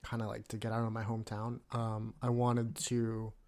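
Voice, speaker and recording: A man's voice: fairly low pitch, monotone, normal speed, a little mellow. A man in his thirties from California, a Navy veteran telling his story as a podcast guest in a loose, profane way, with lots of fillers. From California, USA. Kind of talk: casual podcast interview.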